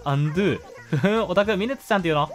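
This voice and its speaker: A man's voice: high voice, lively intonation, rapid-fire, faint music behind, pitched above the performer's own voice. A man voicing a proud, snooty female animal villager in a haughty drawl.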